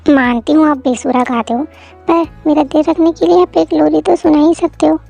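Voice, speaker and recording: A woman's voice: high voice, steady tone, normal speed, creaky, warm tone, soft background music. A woman voicing a playful, clingy young newlywed wife who pleads and teases in a fan audio drama. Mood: whiny teasing. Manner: whiny, pleading, teasing.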